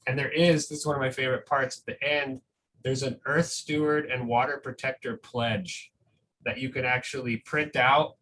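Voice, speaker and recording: Reading a picture book aloud for school families, a man offers casual, encouraging commentary and keeps asking "right?" He speaks at normal speed in a mid-range, sharp-toned voice with fairly even intonation, and the rough recording carries noticeable background noise.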